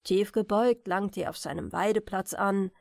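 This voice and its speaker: A woman storyteller narrating a German fairy tale in a measured, expressive bedtime manner. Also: mid-range voice, gravelly, dry recording, clean studio sound.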